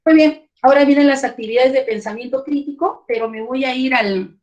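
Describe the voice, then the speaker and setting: Lively woman teacher trainer, Peruvian. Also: high-pitched, a little fast, dull audio. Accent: Peruvian Spanish. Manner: lively, addresses teachers directly with rhetorical questions. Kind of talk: online teacher training webinar. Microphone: computer mic on a video call.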